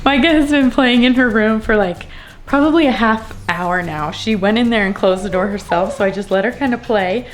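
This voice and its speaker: A woman in her twenties, a family vlogger, chatting casually to camera and sometimes lifting into a high sing-song voice for her toddler. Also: normal speed. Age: 20s. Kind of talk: casual vlog chat. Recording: roomy home recording with faint music.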